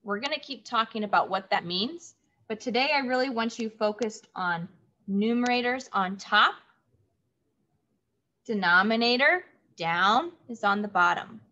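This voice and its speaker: A woman teaching third graders in an online lesson, speaking slowly and clearly and repeating key words for the children. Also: fairly high pitch, lively intonation, bright, forceful tone. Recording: dull lo-fi audio.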